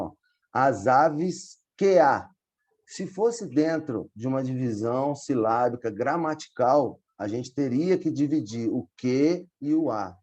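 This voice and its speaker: A man's voice: medium pitch, dark tone. A man teaching a poetry workshop over a video call, explaining step by step and often checking in with his students. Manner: patient, explains step by step with frequent check-ins. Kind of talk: online class explanation.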